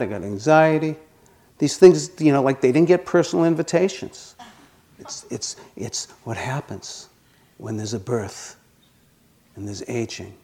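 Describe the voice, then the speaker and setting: 60-something meditation teacher doing a dharma talk, jokes about himself a lot, mid pitch. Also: male voice. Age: 60s. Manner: gently humorous, self-deprecating.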